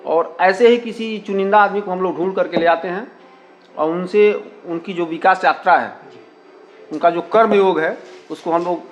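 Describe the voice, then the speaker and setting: Interviewed as a community radio station representative, a man gives explanatory answers in Hindi, repeating himself and peppering his speech with English words and filler phrases. His voice is high-pitched, he talks at normal speed, and the highs are cut off.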